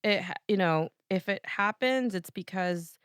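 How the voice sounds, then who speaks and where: A woman's voice: mid-range voice, a little slow, smooth, no echo, clean studio sound. A woman from New Jersey with an East Coast American accent, co-hosting a casual podcast chat and often restarting her sentences. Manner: chatty, restarts often, laughs easily. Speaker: podcast co-host.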